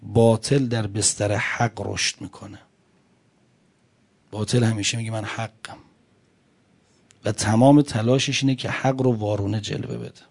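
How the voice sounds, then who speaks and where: A male preacher giving a religious sermon, telling a story and speaking straight to his listeners, moving between loud emphatic lines and quiet ones. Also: on the low side, fairly even intonation, creaky, long pauses.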